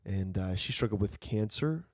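Low, hesitant podcast host. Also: male voice, lively intonation, moderate pace, darkish tone, dry recording, clean studio sound. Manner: thoughtful, hesitant, many ums and uhs. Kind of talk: casual podcast chat.

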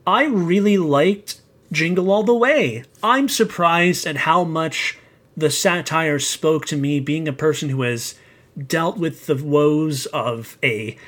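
Man, podcast co-host, slightly high voice, playful and mock-solemn. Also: slow pace, a bit bright. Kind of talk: casual movie review chat.

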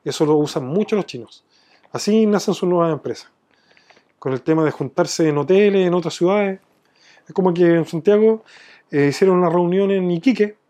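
In a relaxed interview, a man from Chile who owns a business speaks with a Chilean accent, drawing on personal experience. His voice is high-pitched and mellow, at a moderate pace.

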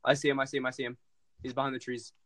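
A man's voice: mid-range voice, level tone, rapid-fire, fairly bright tone. A man talking casually with friends in an online gaming voice chat. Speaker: online game player.

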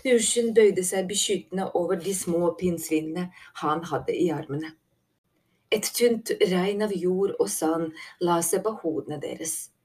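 Low, mellow-voiced woman narrating a story. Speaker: audiobook narrator. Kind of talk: scripted narration.

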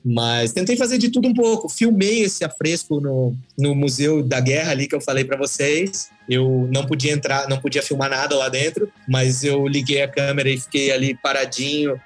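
A man's voice: mid-range voice, normal speed, hardly any pauses, faint music behind. A man chatting as a podcast guest, telling rambling travel stories with folksy asides. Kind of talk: casual podcast chat.

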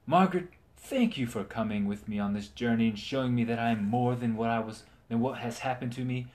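A man's voice: mid-range voice, fairly quick, a little mellow, lightly acted. A man voicing a cheerful young male zombie knight who boasts and laughs triumphantly. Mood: proud.

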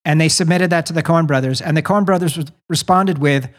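A man's voice: on the high side, brisk. A man hosting a movie podcast, telling stories and reading out a film synopsis. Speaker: podcast host. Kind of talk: casual chat and read synopsis.

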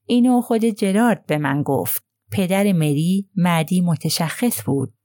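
A woman's voice: fairly low pitch, lively intonation, mellow, no echo, studio quality, lightly acted. A woman voicing a gossipy middle-aged nurse who talks in a hesitant, confiding way.

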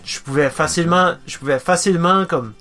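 A man's voice: on the high side, a little fast, sharp tone, soft background music. A man, hosting a casual podcast chat, rambling with many restarts and English words mixed in. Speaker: podcast host.

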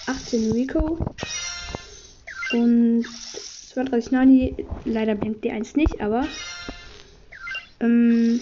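A woman hosting casual gameplay commentary, upbeat and slightly hoarse from a cold, reading out item counts in quick bursts. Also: fairly high pitch. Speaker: gaming channel host. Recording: dull lo-fi audio with game music. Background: game music.

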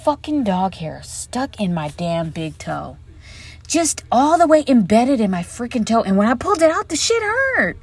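A very animated host with a fairly high, husky, darkish voice talks at normal speed in a dry recording. She is podcasting solo from a hotel room closet with her mic set up inside, swearing plenty as she tells stories frankly and chattily.

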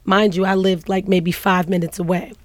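A woman in her forties from Queens with a New York accent and a deep, husky voice, casually telling a story as a guest and laughing often. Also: level tone, normal speed, no room sound.

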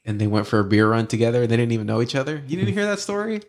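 A man's voice: medium pitch, racing. A man chatting as a podcast guest, an easygoing storyteller who leans on "like" and "you know". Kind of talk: casual chat.

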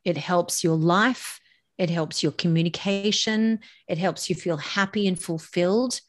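A middle-aged woman with a lowish voice speaks at a measured pace as a guest on a podcast interview. She's a voice coach offering emphatic advice on public speaking, animated in manner and stretching words for effect.

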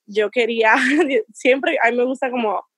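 A woman from the Caribbean, in her thirties, tells a personal story as a guest. Her voice sits high, and she laughs often. The recording is dry and close. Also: a little slow, a bit bright, breathy edge, no echo. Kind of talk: casual interview.

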